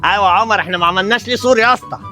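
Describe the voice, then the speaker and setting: A woman's voice: mid-range voice, rapid-fire, pushed and bright, faint music behind, close to an everyday voice. A woman voicing a cocky, mocking boy friend in an Egyptian Arabic comedy skit, with a taunting, teasing delivery. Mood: plotting.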